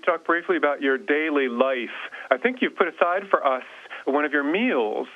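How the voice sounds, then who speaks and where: A man interviewing an astronaut over a radio link, asking questions in a halting way and rephrasing them. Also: on the high side, lively intonation. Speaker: media interviewer. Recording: thin, narrow-band radio link.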